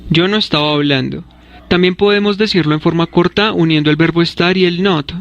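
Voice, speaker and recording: A man narrating a scripted English grammar lesson, explaining rules clearly and spelling out letters one by one. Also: a little high, a little fast, fairly bright tone, dull audio. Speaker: English teacher.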